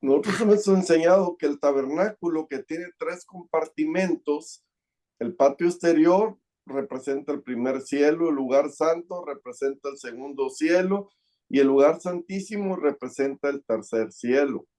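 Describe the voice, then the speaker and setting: Man, church interpreter, mellow dark voice, steady fluent delivery, reads scripture aloud. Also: fairly high pitch, moderate pace. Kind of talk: live sermon interpretation and scripture reading.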